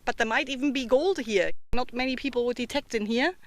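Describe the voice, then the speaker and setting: A woman hosts a metal-detecting vlog, offering casual commentary as she digs and chatting away with musing tag questions. Her voice is a little high and fairly quick.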